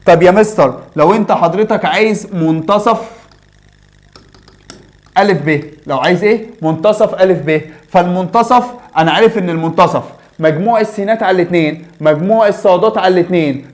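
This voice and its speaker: A man's voice: high voice, quick pace. A young man with an Egyptian Arabic accent teaching a math lesson in a chatty way, asking his students questions and answering them himself.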